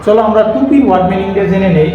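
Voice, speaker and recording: Man, English teacher, spells words letter by letter, asks and answers himself, fairly high voice, very echoey room. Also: rapid-fire, highs cut off. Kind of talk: spelling-out vocabulary lesson. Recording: very echoey room, faint noise.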